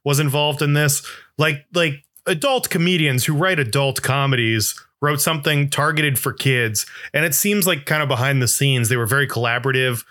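A man's voice: medium pitch, normal speed, few pauses, pushed and bright. A man co-hosting a podcast, chatting casually and enthusiastically, rambling a little with restarts. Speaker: podcast co-host. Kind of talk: casual chat.

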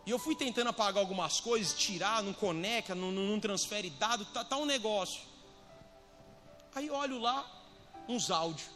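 A man preaching as a pastor in a casual storytelling sermon, animated and slangy, mimicking members of his church in quoted asides. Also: high-pitched, normal speed, faint music behind.

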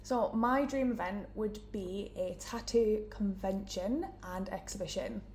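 A young woman from Newcastle, England, speaks with a Geordie accent as an interview guest, chatting in person in an indoor room. Her medium-pitched, slightly mellow voice is unhurried and full of fillers like "like" and "um," with slight background noise.

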